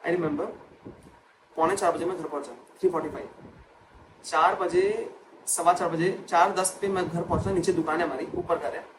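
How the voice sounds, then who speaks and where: A man's voice: fairly high pitch, steady tone, moderate pace, long pauses. A young man, a chartered accountant and exam coach, tells a personal story in an emotional vlog. He repeats phrases for emphasis and mixes English words into his talk. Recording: noisy background.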